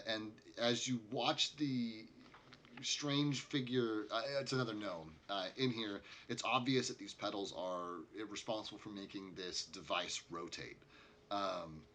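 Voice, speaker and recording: A man narrating a tabletop game as game master, casual and halting as he improvises. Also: on the low side, fairly bright tone, a little hiss or hum.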